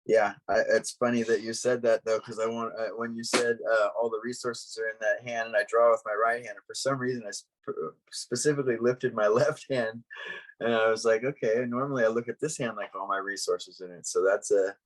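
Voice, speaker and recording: Low-pitched man chatting casually. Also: fairly even intonation, brisk, low-quality recording. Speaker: participant in a hypnosis demonstration. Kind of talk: casual chat, giving feedback.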